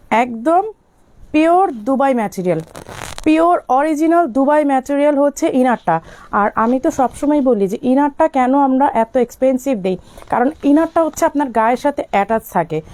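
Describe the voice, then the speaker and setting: Slightly hoarse woman selling on a live stream. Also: a little high, darkish tone, dry recording. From Bangladesh. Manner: chatty, answers viewers' comments, mixes in English words; speaks slowly to spare her voice. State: slightly hoarse from illness, coughing. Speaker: online shop owner selling on a live stream. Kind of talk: live-stream sales talk.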